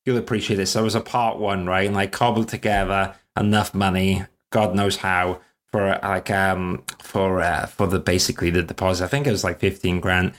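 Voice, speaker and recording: A man's voice: deep voice, level tone, normal speed. Chatty Welsh-born man hosting a podcast. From Wales. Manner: chatty, rambling, self-deprecating. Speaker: podcast host. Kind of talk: casual chat.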